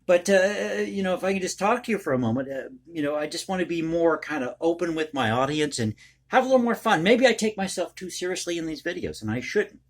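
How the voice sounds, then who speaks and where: Man, somewhat high pitch, casual vlog monologue, ad-libbed, rambling, folksy. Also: expressive, brisk. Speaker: online video host and commentator.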